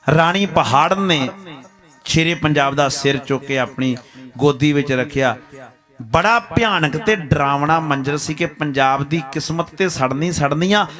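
A man's voice: mid-range voice, a bit bright. A man narrating a religious history story dramatically, repeating phrases for weight.

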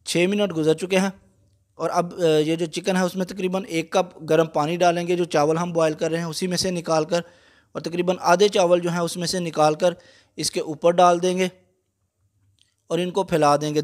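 A man calmly explaining a recipe step by step, patient, with frequent small fillers. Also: a little high. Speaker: cooking channel host. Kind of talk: step-by-step cooking instruction.

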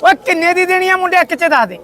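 A man with a Punjabi accent brokering loudly at an outdoor livestock market, with theatrical, teasing, rhyming banter. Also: very high-pitched, fast. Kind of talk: loud haggling banter at a market. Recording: busy outdoor market crowd and vehicles.

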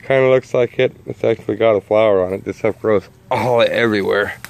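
A man's voice: lowish voice, steady tone, a little fast, vocal fry. A man in casual home-video narration, chatting offhand outdoors in a backyard among his chickens. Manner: chatty, offhand, explains things plainly. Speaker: backyard chicken keeper filming his flock.

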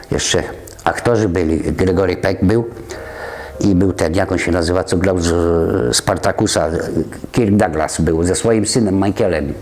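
An older Polish man with a low, darkish voice chats casually in an interview while walking around a community center. He rambles, trails off and breaks off mid-word before restarting, with slight background noise audible.

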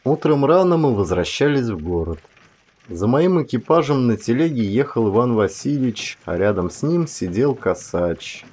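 A man reads aloud in the scripted style of an audiobook narrator, giving dramatic literary narration. His voice is medium-pitched, somewhat mellow and sing-song, at a normal speed.

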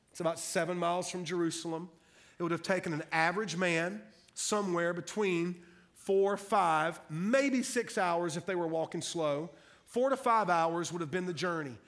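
A man's voice: sits high, a bit bright. A middle-aged man preaching an impassioned, fired-up sermon.

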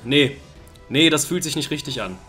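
A young man hosting a gaming video, giving excitable, exasperated commentary and repeating his phrases over and over. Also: a little high, normal speed. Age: young adult. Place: indoor gaming room on camera. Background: game music.

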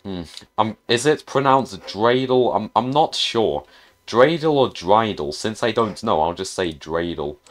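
A man's voice: lowish voice, measured pace. A man giving casual gameplay commentary as a gaming YouTuber, muttering hesitantly to himself with frequent restarts.

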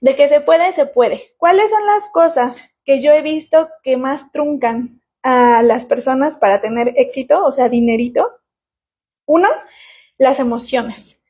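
Mexican woman in her 30s, high husky voice, persuasive team-leader sales pitch straight to a phone camera. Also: unhurried, darkish tone. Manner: persuasive, explains step by step with hand gestures. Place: small indoor room with tiled wall. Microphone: phone camera at arm's length.

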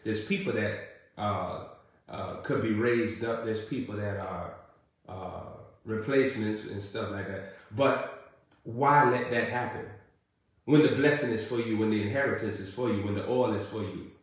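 Male preacher, sermon delivery, emphatic repetition, heavy room echo. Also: normal speed. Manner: rising to emphatic repeated questions, then dropping low. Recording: very echoey room.

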